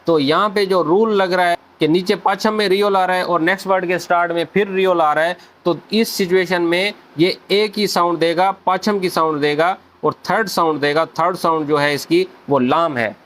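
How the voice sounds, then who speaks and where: A man hosts a casual video lesson on Korean pronunciation, addressing viewers as friends and slowly spelling out sounds. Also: high-pitched, fairly even intonation, a bit bright. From Pakistan. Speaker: Korean language teacher, channel host.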